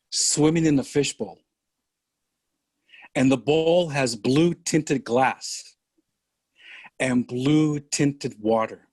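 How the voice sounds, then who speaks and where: Older male guest from San Francisco, unhurried and measured, dry close sound. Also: mid-range voice, no room sound. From San Francisco, USA. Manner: slow, deliberate storytelling with pauses. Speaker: podcast guest. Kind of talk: conversational interview.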